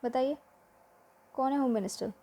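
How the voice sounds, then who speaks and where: A woman's voice: high-pitched, moderate pace, dark tone. A young woman teaching a memory-trick lesson for exams, quizzing the listener with repeated questions.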